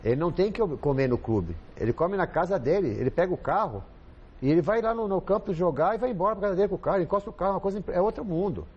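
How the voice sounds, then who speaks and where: A man's voice: high voice, animated, very fast, darkish tone, husky, lo-fi sound. A man with a Brazilian accent, a football coach guest chatting casually on a TV panel, rambling and repeating himself with lots of fillers. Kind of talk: casual studio chat.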